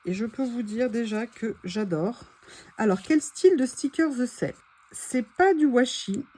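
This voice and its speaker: A woman's voice: a little high, lively intonation, a little slow, warm tone. A French woman chatting enthusiastically through a stationery haul, gushing over each item and repeating her praise. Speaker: haul vlogger. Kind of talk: casual haul chat, reading quotes aloud.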